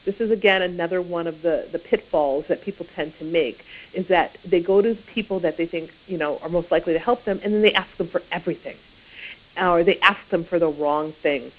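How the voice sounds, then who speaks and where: A woman's voice: on the low side, a little fast. A woman giving career advice in an informal, conversational teaching talk, often saying "you know". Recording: tinny phone-like sound.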